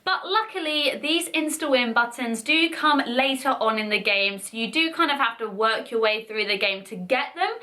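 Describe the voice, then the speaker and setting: A young woman presenting a video game review, her voice husky as she recovers from flu. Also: on the high side, animated, moderate pace, hardly any pauses, pushed and bright. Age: young adult.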